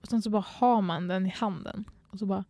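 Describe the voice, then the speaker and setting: A woman's voice: mid-range voice, dark tone, no echo. A young woman from Sweden co-hosting a casual chat podcast, gushing and laughing a lot while swearing freely. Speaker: podcast co-host.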